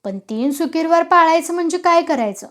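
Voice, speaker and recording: A woman voicing a stubborn, quarrelsome old man of the village, with raised, higher-pitched speech. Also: lively intonation, fairly quick. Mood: arguing. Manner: loud, quarrelsome.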